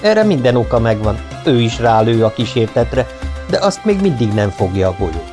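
A man narrating an audiobook novel in a steady, measured storytelling manner. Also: medium pitch, music in the background. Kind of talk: scripted narration.

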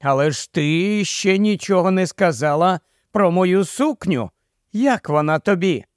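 Give me a loud, gushing young noblewoman, vain and giggly, pitched high and recorded dry and close, as a male reader puts her on. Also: expressive, unhurried, no room sound.

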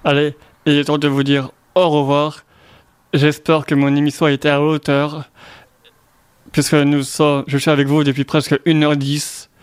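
A man hosting an informal radio show in a halting way, speaking through a face mask. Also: a little high, monotone, smooth, no room sound. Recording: loud music behind the voice. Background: loud music.

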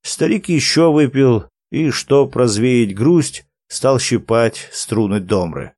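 Slow, measured male narrator. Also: mid-range voice, dry recording, clean studio sound. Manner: measured, even reading. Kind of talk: audiobook narration.

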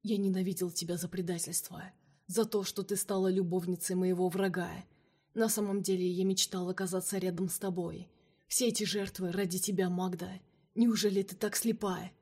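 A woman voicing a cunning male vampire king held captive, speaking softly and coaxingly in a storybook reading. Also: fairly low pitch, fairly even intonation, moderate pace, breathy edge. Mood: seductive. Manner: soft, velvety, coaxing.

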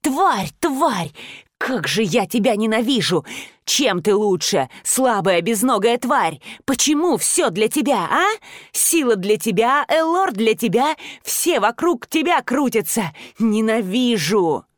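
A woman voicing a jealous young princess who talks shrilly and fast in a storybook reading. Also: big pitch swings, no echo, studio quality, exaggerated voice. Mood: furious. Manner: shrill, rapid, spiteful.

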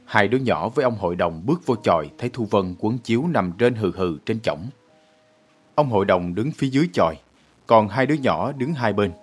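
Man reading a novel aloud, low husky voice, steady pace. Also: soft background music. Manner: steady, measured narration. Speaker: narrator. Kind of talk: storybook reading.

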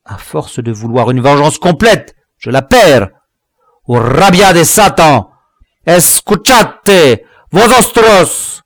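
A man reading an audiobook, voicing a vengeful dwarf villain who mixes Spanish words into his shrill cursing threats. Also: big pitch swings, slow pace, no echo, clean studio sound. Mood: cursing rage. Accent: Spanish words mixed in. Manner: shrill, spitting curses and threats.

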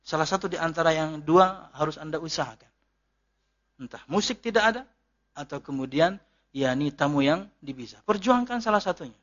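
A man's voice: on the high side, animated, moderate pace, fairly bright tone. A man giving a chatty, joking religious lecture and answering questions as an ustadz. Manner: jokey, chatty, laughs at his own jokes. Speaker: ustadz, Islamic preacher. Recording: dull lo-fi lecture recording.

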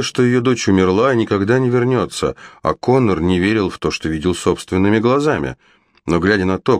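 A man narrating an audiobook in steady scripted storytelling. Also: deep voice, dry recording, studio quality.

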